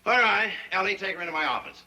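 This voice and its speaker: An actor playing a blustery bank president in an old sitcom, who shouts, then gushes in baby talk. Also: male voice, high-pitched, fast, heavily acted. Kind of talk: 1960s sitcom acting. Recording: hissy old TV soundtrack.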